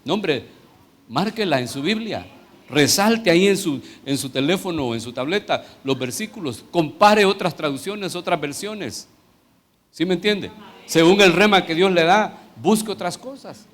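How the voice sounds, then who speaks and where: High-voiced Salvadoran pastor preaching. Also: male voice, lively intonation, moderate pace, a bit bright. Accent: Salvadoran Spanish. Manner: conversational teaching, then rising fervent prayer. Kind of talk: sermon.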